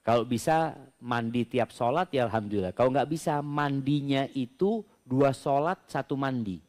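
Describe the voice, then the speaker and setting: A man working as an Islamic preacher who reads out audience questions and then answers them. He explains each point in a relaxed, conversational way during a question-and-answer religious talk. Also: mid-range voice, moderate pace.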